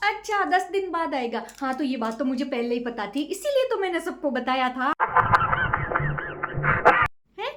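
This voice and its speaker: A woman's voice: high voice, sing-song, normal speed, pauses often, very noisy. A woman playing a gossipy, boastful middle-aged mother who nags and lectures in a comic family sketch. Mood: smug. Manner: nagging, lecturing, rhetorical 'है ना?' tags.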